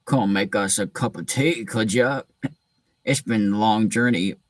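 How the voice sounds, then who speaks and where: A man reading aloud and voicing a huge, gruff but kindly giant man in a slow, drawn-out way, recorded from a distant mic. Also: on the low side, dry recording, lightly acted. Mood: gruff, friendly. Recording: distant mic in a dry room.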